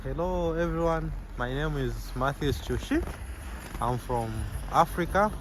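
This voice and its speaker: A young man chats easily in an outdoor street interview. His voice sits a little high for a man. Faint street noise hums in the background. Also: measured pace. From Zambia. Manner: easygoing, chuckles between answers, repeats "yeah". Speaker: interviewee, medical student.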